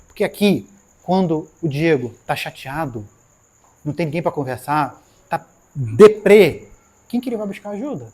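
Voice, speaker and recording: Brief: Brazilian woman preacher, animated sermon, voice leaping all over, keeps questioning the crowd. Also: sits low, normal speed, slightly rough. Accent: Brazilian Portuguese. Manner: animated, acts out dialogues, asks the audience questions.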